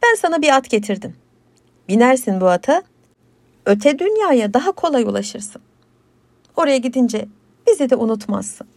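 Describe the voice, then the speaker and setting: A woman's voice: a little high, big pitch swings, normal speed, long pauses, no room sound, pitched above the performer's own voice. Woman doing an eager naive horseman. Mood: earnest. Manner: eager, apologetic, earnest. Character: friendly naive male villager on horseback.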